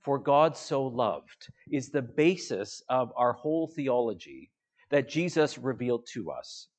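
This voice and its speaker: Slow, measured male preacher. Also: mid-range voice, big pitch swings. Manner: slow, measured, with soft trailing phrase endings. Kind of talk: sermon.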